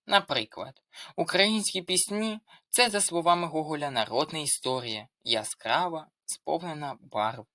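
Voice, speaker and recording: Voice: mid-range voice, moderate pace, bright, forceful tone, no echo, studio quality. A language tutor giving an explanatory lesson, methodically reading out lists of examples.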